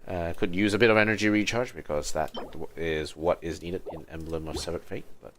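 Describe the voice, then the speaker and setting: He streams a video game with a low, steady voice at a fairly quick pace, muttering to himself between casual remarks. Game music sits behind his voice, along with a little hiss or hum.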